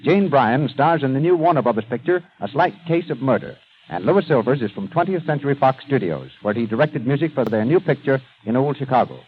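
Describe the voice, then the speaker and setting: A man's voice: mid-range voice, expressive, a little fast. Formal 1930s radio announcer man, old broadcast. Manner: formal, polished announcer delivery. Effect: old radio show broadcast sound. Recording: dull lo-fi 1930s radio recording with faint hiss.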